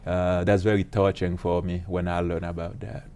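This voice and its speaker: A man speaks in a fairly low voice. He tells his life story as an interview guest, earnest and halting, pausing often on fillers. He is a pastor and a police officer. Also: level tone, warm tone, a little hiss or hum. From Haiti. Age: late 30s.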